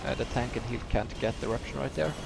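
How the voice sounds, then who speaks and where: A man with a lisp and a nasal voice, giving a casual, halting game walkthrough. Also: medium pitch, over loud music. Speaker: gamer giving a healer guide. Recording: clear background noise, keyboard typing.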